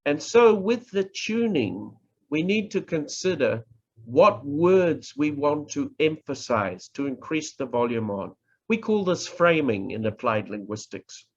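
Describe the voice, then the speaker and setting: Over a muffled video-call microphone, a middle-aged professor with a New Zealand accent instructs an online audience on public speaking from indoors. His slow, emphatic delivery swings widely in pitch. He is deliberate, pausing often and repeating himself.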